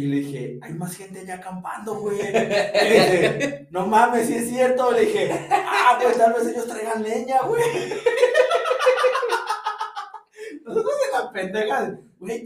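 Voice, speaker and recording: A man's voice: high-pitched, darkish tone, far from the mic. A young Mexican man with a Mexican Spanish accent telling a vacation story in casual, slangy chat, laughing and acting out what his friends said. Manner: slangy, laughing, acts out dialogue. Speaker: podcast co-host. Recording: echoey room, away from mic.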